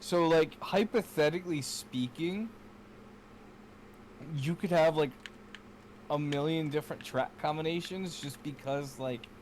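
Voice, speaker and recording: Excitable swearing man gaming with friends. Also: fairly high pitch, unhurried, pauses often, slight background noise. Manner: excitable, swears often, rambling restarts. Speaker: streamer playing a kart racing game. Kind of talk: casual gaming chat.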